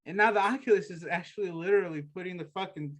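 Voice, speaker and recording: A man's voice: high voice, fast, a bit bright. A man co-hosting a podcast in laid-back, profane banter. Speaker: podcast co-host. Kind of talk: casual chat.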